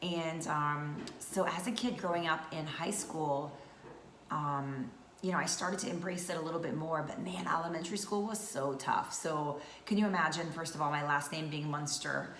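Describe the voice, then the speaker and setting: Low-voiced chatty woman vlogger. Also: normal speed, fairly bright tone. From North Georgia, US. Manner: chatty, many fillers. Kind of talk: casual talk to camera. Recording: echoey room with faint noise.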